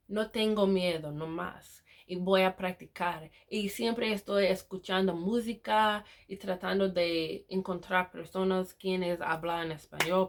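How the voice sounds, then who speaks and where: Slow, hesitant woman vlogging in learner Spanish. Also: mid-range voice, a bit bright. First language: English. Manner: hesitant, self-correcting, mixes in English. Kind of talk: casual vlog in learner Spanish.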